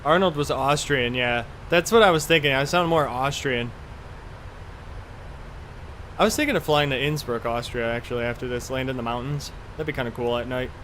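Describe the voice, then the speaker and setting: Over a steady hum, a man streaming a flight simulator chats casually at a moderate pace. His mid-range voice rambles along in an offhand, mildly profane way.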